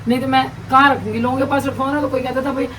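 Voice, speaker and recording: Fast-talking woman vlogger, distant and noisy. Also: sits high, fairly even intonation, fairly bright tone. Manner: chatty, emotional, fillers like "है ना". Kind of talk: casual storytelling to viewers. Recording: distant mic with background noise.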